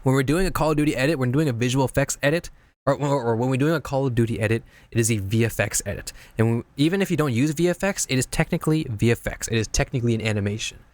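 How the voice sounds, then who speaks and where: On a stream, a man casually teaches video editing while reviewing viewer edits, rambling and repeating himself as he explains things step by step. His mid-range, darkish voice races along, and there's no echo.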